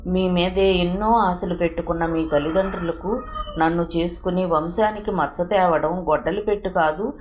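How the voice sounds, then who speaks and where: A woman's voice: fairly low pitch, fairly even intonation, moderate pace, a little mellow, lightly acted. A woman voicing a proud, resolute young mother who speaks firmly and with composure in a storybook reading. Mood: earnest. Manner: firm, composed. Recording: roomy echo, faint hiss.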